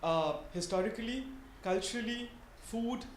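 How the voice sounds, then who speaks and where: A man's voice: very high voice, normal speed. A man from India asking a long, earnest question from the audience at a conference, with many fillers. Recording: echoey room, faint ambient noise.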